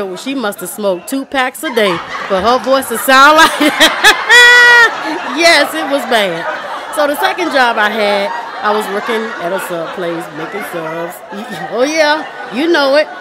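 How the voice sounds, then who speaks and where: A woman's voice: a little high, measured pace. A woman performing stand-up in a comedy club, bantering with the crowd and laughing between lines. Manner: banters with the crowd, piles up "okay, yeah" fillers and laughs. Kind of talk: stand-up routine with crowd work. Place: comedy club stage with a live audience. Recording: very loud crowd and club noise.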